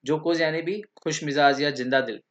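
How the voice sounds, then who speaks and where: A man's voice: a little high, steady tone, moderate pace, lo-fi sound. A man teaching a classroom vocabulary lecture, listing synonyms and spelling words out letter by letter. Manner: lists synonyms and spells words out, often adds "hai na". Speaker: English teacher.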